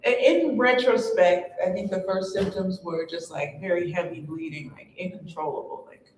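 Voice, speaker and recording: A woman's voice: fairly low pitch, moderate pace, darkish tone. A woman speaking as a patient on a panel, giving an informal, hesitant personal account. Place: conference room. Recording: echoey room with background noise.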